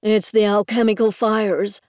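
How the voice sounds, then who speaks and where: A woman's voice: medium pitch, flat delivery, a little mellow, dry recording, studio quality, lightly acted. Young man delivering urgent news, breathless, put on by a woman narrator. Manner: gasping, hurried urgency.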